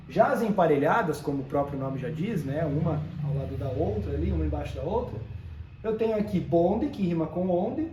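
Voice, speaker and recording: A man's voice: high voice, mellow, reverberant. A man teaching a poetry lesson, explaining step by step and often checking that listeners follow.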